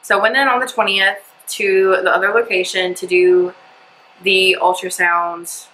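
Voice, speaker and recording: A woman's voice: medium pitch, flat delivery, unhurried, sharp tone, slight background noise, rough recording. A young woman telling a personal story in a casual, rambling vlog while doing her makeup. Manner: chatty, lots of "like" and "blah blah". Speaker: vlogger. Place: indoors at home doing makeup.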